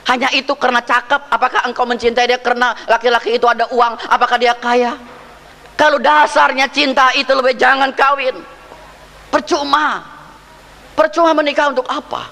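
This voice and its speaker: A man's voice: extremely high pitch, steady tone, a little fast, gravelly, pushed and bright. A man preaching a sermon as pastor, joking and firing rhetorical questions straight at his congregation. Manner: jokey, acts out dialogue. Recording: reverberant hall.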